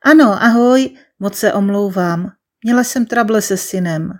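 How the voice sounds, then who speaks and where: A woman's voice: medium pitch, lightly acted. Woman doing a tearful, sobbing young woman. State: sobbing, crying. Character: shy, tearful woman around thirty.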